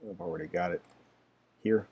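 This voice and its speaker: A man with a very low voice talks through a hardware and software setup on screen. His delivery is casual and halting, with plenty of fillers as he explains each step. Keyboard typing and mouse clicks sit faintly behind him. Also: breathy edge, muffled recording. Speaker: tech tutorial presenter. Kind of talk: screen-recorded software walkthrough.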